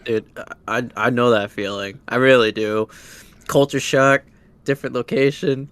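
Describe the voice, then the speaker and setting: A man's voice: mid-range voice, steady tone, moderate pace, fairly bright tone, clear, resonant tone, no room sound. A man co-hosting a casual podcast, chatting in a laid-back way and telling personal stories. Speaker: podcast co-host.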